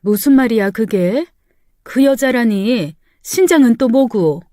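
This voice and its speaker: A woman voicing a gentle middle-aged mother who speaks softly and apologetically in a story. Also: on the high side, animated, measured pace, no room sound, studio quality, voice pushed up. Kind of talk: storytelling narration.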